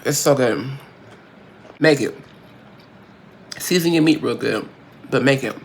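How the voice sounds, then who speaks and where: A woman's voice: very deep voice, slow, gravelly, slight background noise. A woman vlogging in a loose, informal way, talking straight to her viewers from her home kitchen. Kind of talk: casual how-to vlog chat.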